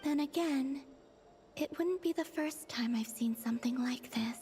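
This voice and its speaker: A woman voicing a gentle, naive young goddess in a video game, soft and often breathy as she muses. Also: sits high, a little slow. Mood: curious, hushed. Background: music.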